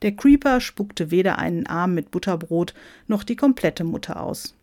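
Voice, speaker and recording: A woman narrating a humorous story in a wry, lively reading. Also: lowish voice, normal speed, no echo, studio quality.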